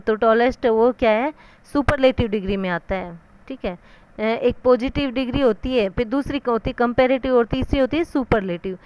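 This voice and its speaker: A woman teaching English grammar, explaining the rules in Hindi. She asks questions and answers them herself, and reads out the English rules slowly. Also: fairly high pitch, clear, resonant tone.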